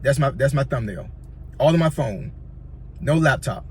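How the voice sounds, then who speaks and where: A man from Virginia, USA, with a Southern accent gives casual, rambling tips as a YouTuber in a mid-range, animated, slightly mellow voice at normal speed. He often repeats himself and checks in with "you know what I'm saying." A little hiss or hum is audible.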